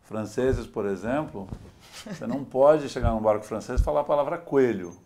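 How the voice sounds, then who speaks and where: A man from Santos, Brazil, a sailor and adventurer, speaks at normal speed in a mid-range, darkish voice, with slight background noise. His relaxed interview talk is reflective and story-driven, with small laughs and "né?".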